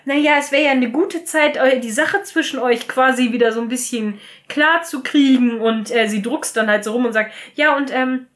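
A young woman co-hosting a casual recap podcast, retelling scenes in a lively, chatty way with lots of fillers. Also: high-pitched, moderate pace, hardly any pauses. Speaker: podcast co-host.

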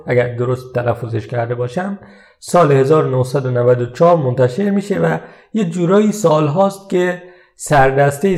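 Guy hosting a coding podcast, chill explainer tone, mid-pitched voice. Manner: relaxed explanatory, uses many English tech terms. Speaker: podcast host. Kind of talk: casual tech podcast explanation.

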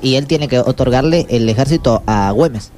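A man's voice: mid-range voice, normal speed, a little mellow. A man hosting a podcast with an Argentine Spanish accent, talking in a rowdy, slangy way. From Misiones, Argentina. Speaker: podcast host. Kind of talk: casual podcast chat.

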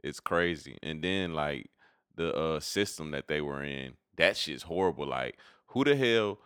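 A man's voice: very deep voice, animated, measured pace, a bit bright, clear, resonant tone, dry recording, clean studio sound. A man talking casually and plainly in slangy, opinionated conversation.

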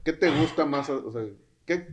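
A man's voice: fairly high pitch, moderate pace. A young man co-hosting a casual podcast, joking and finishing others' sentences. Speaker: podcast co-host. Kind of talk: casual chat.

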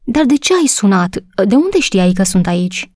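A woman reading a storybook voices a kind young woman who asks anxious, gentle questions. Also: medium pitch, sing-song, no room sound, clean studio sound. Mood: worried.

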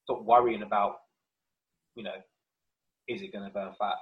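A man's voice: lowish voice, fairly even intonation, normal speed, narrow, tinny audio. A man talking casually as a fitness podcast guest, explaining things in a chatty, informal way. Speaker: podcast guest, personal trainer. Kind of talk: casual chat.

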